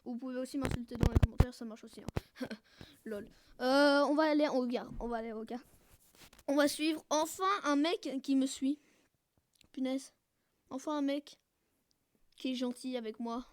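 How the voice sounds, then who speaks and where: A woman giving casual, jokey gameplay commentary who keeps bursting into loud shouts and cries. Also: high voice, fairly even intonation, normal speed, long pauses, no room sound. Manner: jokey, self-mocking. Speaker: gaming video creator.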